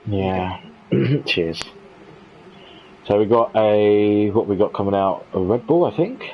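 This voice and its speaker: Hesitant low-voiced co-commentator. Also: male voice, takes it slowly. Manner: hesitant, many ums and restarts. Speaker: co-commentator and league driver. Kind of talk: casual esports race commentary. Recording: dull lo-fi stream audio.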